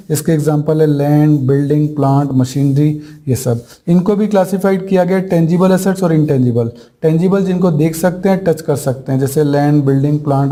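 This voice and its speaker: A man's voice: on the high side, dark tone. A male teacher giving an exam-prep accounting lecture, explaining step by step, mixing English terms into his Hindi and asking rhetorical questions that he answers himself. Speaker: commerce teacher.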